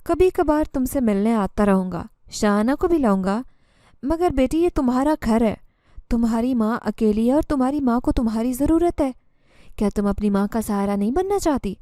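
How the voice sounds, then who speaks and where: A woman voicing a calm, protective male jinn who speaks in gentle, measured reassurance, in a storybook reading. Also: on the high side, no echo, studio quality, lightly acted. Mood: reassuring.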